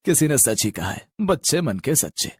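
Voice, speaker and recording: A man voicing a kind-hearted male ghost who soothes a crying child, gentle and fatherly, in an animated story. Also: medium pitch, husky, no echo, clean studio sound, full character voice. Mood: kindly.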